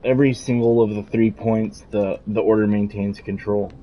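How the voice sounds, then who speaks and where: A man with a low voice gives loose, profane commentary while he plays a game. A faint hum of game sound sits behind him. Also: flat delivery, moderate pace, muffled recording. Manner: joking, profane, rambling. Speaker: gameplay streamer. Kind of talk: casual gameplay commentary.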